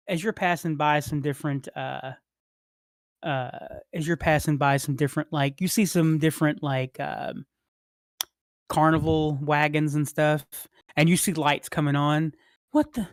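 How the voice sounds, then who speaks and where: Slow, halting game master. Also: mid-range voice, fairly even intonation, smooth, no echo, clean studio sound. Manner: halting, rambling, with many restarts. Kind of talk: narrating a tabletop game.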